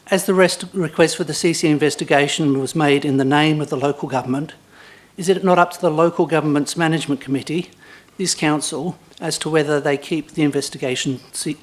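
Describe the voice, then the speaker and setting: A man, a ratepayer, putting probing, persistent questions to a council meeting. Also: fairly high pitch. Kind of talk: public question time.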